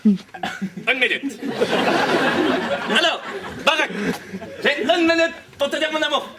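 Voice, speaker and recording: Shrill ranting mock dictator. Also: male voice, animated, slow, a crowd in the background, exaggerated voice. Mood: bombastic. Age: young adult. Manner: shouting, declamatory, mock-grandiloquent. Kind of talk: debate-contest speech with a put-on accent. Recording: noisy hall, mic far off.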